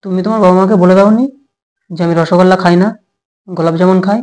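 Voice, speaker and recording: A man's voice: sits high, fairly even intonation, darkish tone, close to an everyday voice. A man playing a touchy, hot-headed husband. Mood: indignant. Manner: snapping, indignant, quick to take offence. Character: short-tempered young husband, easily angered. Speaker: short-drama actor. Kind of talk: comic home drama acting.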